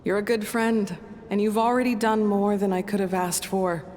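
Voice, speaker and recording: An actress playing an earnest, composed young heroine in a fantasy video game, measured and sincere. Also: female voice, fairly even intonation, darkish tone, lightly acted. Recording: long reverb, faint rumbling noise.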